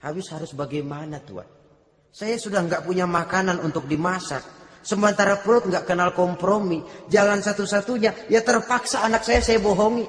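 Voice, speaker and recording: A man's voice: high-pitched, normal speed, close to an everyday voice. A man playing a desperate poor mother. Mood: complaining. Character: poor desperate mother, middle-aged woman. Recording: echoey hall with long reverb.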